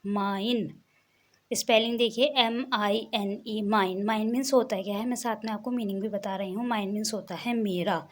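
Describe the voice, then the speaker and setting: A woman's voice: medium pitch, steady tone, normal speed. A young woman, a teacher patiently explaining English words and spelling them out letter by letter.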